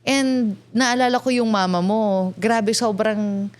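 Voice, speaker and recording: A woman hosting a casual interview, giving soft murmured agreements and switching easily into English phrases. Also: a little high, fairly even intonation, slow. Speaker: host.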